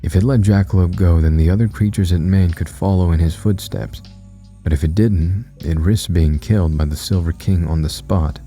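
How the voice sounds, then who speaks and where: A man narrating a horror story in a slow, steady, measured reading. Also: low voice. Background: soft music.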